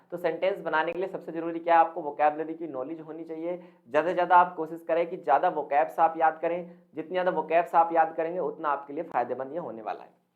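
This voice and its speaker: Man teaching words over tinny phone-like audio. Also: fairly high pitch. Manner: keeps quizzing the viewer with repeated questions. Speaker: spoken English teacher. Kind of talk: online vocabulary lesson.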